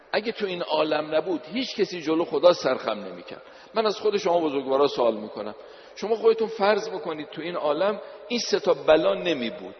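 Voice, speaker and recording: Male preacher, fairly high voice, emphatic sermon delivery, dull recording with long hall reverb. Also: slight background noise. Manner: slows to recite scripture, repeats key lines for emphasis. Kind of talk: religious sermon.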